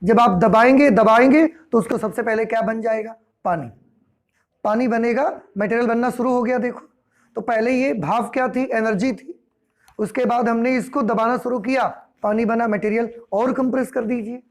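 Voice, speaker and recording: A man's voice: very high voice, fairly even intonation, normal speed. A male teacher giving a classroom lecture, explaining step by step, repeating phrases and posing questions he answers himself. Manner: asks rhetorical questions and answers them himself; repetitive, explanatory.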